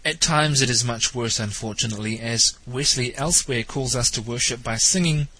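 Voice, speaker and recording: A man hosting a talk show delivers a theology commentary monologue, wry, questioning and lightly teasing. His mid-range voice is husky and sharp-toned at normal speed, sounding nasal and stuffed up from hay fever, on a low-quality recording.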